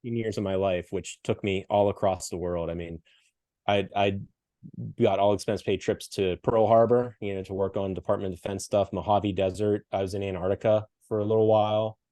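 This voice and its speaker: A man's voice: fairly low pitch, fairly even intonation, brisk, dark tone, dry recording, clean studio sound. A middle-aged man from Western Pennsylvania telling a story in a casual interview, acting out the people he quotes and laughing often. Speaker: podcast guest, coach and speaker.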